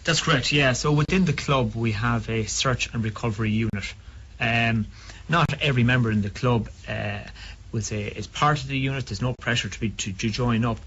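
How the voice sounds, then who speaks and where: A man's voice: mid-range voice, moderate pace, a bit bright. A man with a west of Ireland accent, speaking informally and a little hesitantly as a club member in a radio interview. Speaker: sub aqua club member being interviewed. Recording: dull, noisy radio interview recording.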